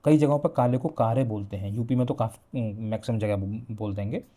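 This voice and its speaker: A young man teaching an exam revision lesson, explaining slowly and repeating key words as he spells out book titles and memory tricks. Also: on the low side, steady tone, warm tone.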